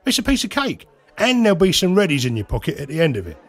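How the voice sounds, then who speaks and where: Cheeky Cockney schemer played by a male actor, fairly high, husky, gift of the gab, audio drama lead. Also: huge pitch swings, fast talker. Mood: persuasive. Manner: slangy, wheeling and dealing patter. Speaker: narrator and lead character. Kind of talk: first-person audio drama narration and dialogue.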